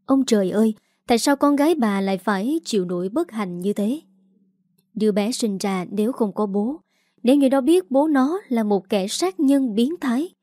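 A woman narrating an audio story in an even storytelling delivery. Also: mid-range voice, no room sound, clean studio sound.

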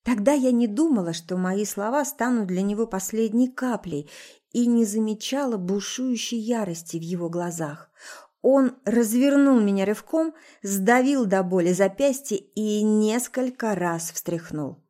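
A woman narrating a first-person audiobook in a subdued, quietly bitter way. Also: mid-range voice, a little slow.

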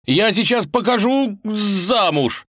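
A man's voice: huge pitch swings, brisk, a bit bright, dry recording, studio quality. Man doing Ivan, frantic lovesick young hero. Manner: high, frantic and eager.

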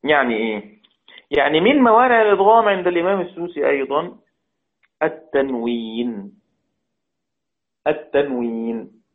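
A man teaching Quran recitation rules, repeating each phrase and chanting the quoted verses slowly. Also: high-pitched, very animated. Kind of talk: religious lesson. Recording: tinny phone-like audio.

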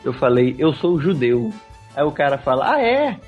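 A man's voice: mid-range voice, normal speed, dull audio, soft background music. A man co-hosting a podcast, telling a comic story in a dry, self-mocking way. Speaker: podcast co-host.

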